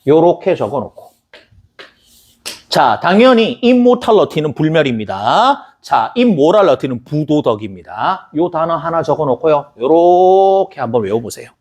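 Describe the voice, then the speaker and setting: A man teaching English vocabulary in a recorded lecture, chatty and lively, spelling out words syllable by syllable and slipping in joking asides to his students. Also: on the high side, normal speed, breathy edge, lo-fi sound. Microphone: camera recording a lecture.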